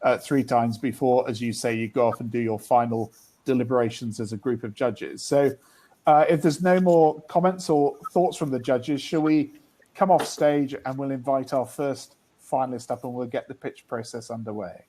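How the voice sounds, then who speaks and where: A man's voice: mid-range voice, moderate pace, dark tone, low-quality recording. A man hosting a live business event, chatty and friendly, introducing judges and teams. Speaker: event host.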